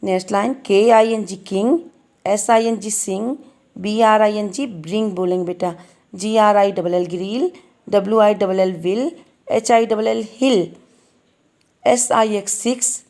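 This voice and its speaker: Indian woman teacher with slightly gravelly voice. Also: medium pitch, darkish tone. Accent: Indian English. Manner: spells words letter by letter, calls children "beta". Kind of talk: classroom phonics lesson.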